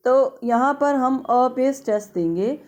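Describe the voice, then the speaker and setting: A middle-aged woman giving a slow, explanatory lecture on a classical text, carefully drawing out vowels to demonstrate how they are pronounced. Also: high voice, a little mellow. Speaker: Sanskrit lecturer.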